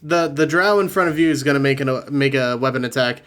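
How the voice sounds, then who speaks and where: A man's voice: medium pitch, brisk, a bit bright. A man running a tabletop game as game master, easygoing and a little hesitant.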